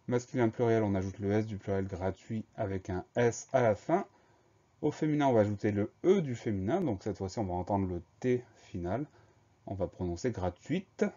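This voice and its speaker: A man's voice: lowish voice, mellow. A man teaching a spelling dictation lesson, patiently spelling each word letter by letter. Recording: dull lo-fi recording.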